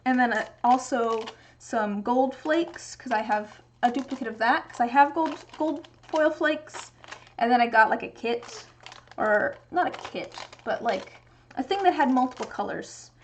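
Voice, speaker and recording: A woman's voice: on the high side, unhurried, slight background noise. A woman chatting casually as she works through a craft livestream. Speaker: craft streamer. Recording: dull lo-fi stream audio.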